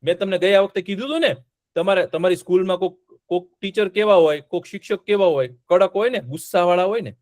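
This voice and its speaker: A man telling a story to children, animated, asking them questions and repeating words. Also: high-pitched, fast, dry recording, clean studio sound.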